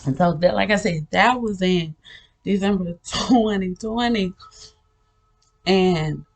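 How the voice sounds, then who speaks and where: A woman's voice: fairly low pitch, slow. A woman hosting a spiritual channel, telling about a vision in a casual, rambling way, with many restarts and frequent laughter. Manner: earnest, storytelling.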